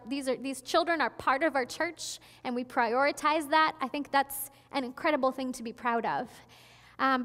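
A woman's voice: high voice, fairly bright tone. A young woman pastor preaching a conversational sermon from the pulpit, chatty and earnest, often restarting her sentences. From Florida. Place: large church sanctuary, at a pulpit. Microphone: headset mic. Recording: long reverb of a sanctuary.

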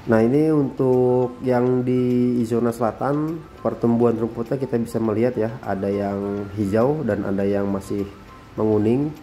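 A man narrating his drone footage as a voice-over, calm and unhurried, often tagging sentences with a soft "ya". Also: medium pitch, soft background music. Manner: calm, repeats phrases, frequent tag "ya". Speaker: drone vlogger.

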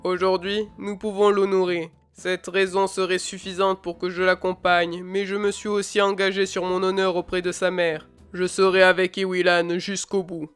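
Woman doing a calm young warrior. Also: lowish voice, normal speed, few pauses, smooth, faint music behind, pitched below the performer's own voice, close to an everyday voice. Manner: calm and steady.

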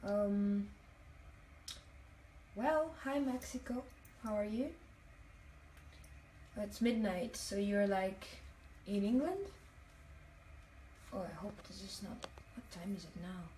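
Sitting on the floor of a hotel bathroom, this young adult livestream host chats casually and reads viewers' comments out loud, filling gaps with lots of fillers. She's from Italian-speaking Switzerland and Italian is her first language; her mid-range voice is mellow with lively intonation, slow and full of pauses. The phone, held at arm's length facing a mirror, catches echo off the tiles and slight background noise.

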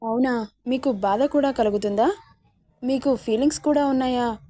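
Brief: woman doing a wounded, sharp-tongued young woman, higher voice, mellow tone, reproachful. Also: moderate pace, close to an everyday voice. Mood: hurt, reproachful. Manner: reproachful, pleading questions.

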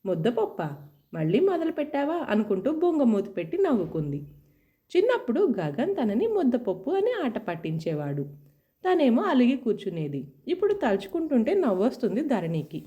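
Woman narrating a story, expressive, mellow warm voice, lots of pitch movement. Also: moderate pace, dull audio. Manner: expressive, lively reading.

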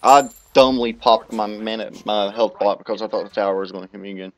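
A young man calling plays in team voice chat during a match, excited, stumbling and repeating his words. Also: on the low side, quick pace.

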